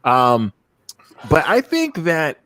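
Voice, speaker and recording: A man's voice: a little high, huge pitch swings, slow, sharp tone. A man hosting a live fan podcast in casual chat, laughing often and reading viewer super chats aloud. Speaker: podcast host.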